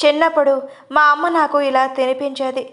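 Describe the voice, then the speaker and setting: A woman voicing a shy, tearful young woman speaking softly and gratefully in a storybook reading. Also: high voice, fairly even intonation, fairly quick. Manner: soft, grateful.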